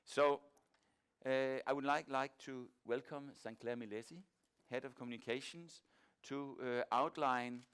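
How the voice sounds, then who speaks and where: A man moderating a conference session, introducing speakers informally and haltingly as he searches for words. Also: mid-range voice, fairly even intonation, fairly bright tone, smooth.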